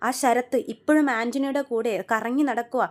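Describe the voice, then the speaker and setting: A woman's voice: a little high, fast talker, a little mellow, lightly acted. A woman voicing an angry young husband who drives a taxi, asking bitter rhetorical questions.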